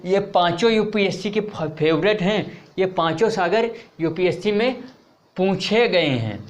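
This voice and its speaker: A man with a high, light voice leads an exam-prep lesson at an unhurried pace. He spells out the answer choices one word at a time. He repeats each key term again and again, sinking lower on each repeat. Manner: repeats key words several times, dropping low on them; reads out options slowly, word by word. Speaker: exam coaching teacher.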